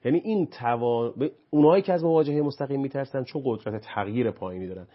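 The audio is dull, and the man speaks in a mid-range voice. An anger management teacher on a talk show, he explains his thinking by asking and answering his own rhetorical questions, becoming more emphatic as his examples pile up.

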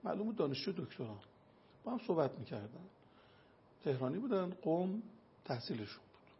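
A man's voice: a little high, muffled recording, slight background noise. A man giving a religious talk, telling anecdotes and acting out the people in them. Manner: acts out quoted people with lively voice changes. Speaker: religious speaker.

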